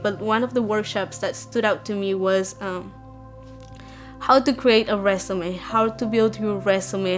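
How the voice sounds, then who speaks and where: A young woman from Guatemala with a Guatemalan accent, telling her own story in an earnest, measured way with fillers and restarts. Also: fairly high pitch. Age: young adult. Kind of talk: personal testimony.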